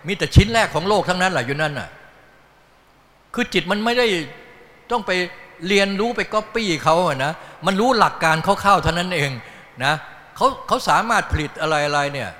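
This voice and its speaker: A man gives a Buddhist dharma talk in a folksy, storytelling way. His voice is bright and fairly high, and it rings out in a hall with a long reverb. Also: expressive, a little fast. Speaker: Buddhist teacher.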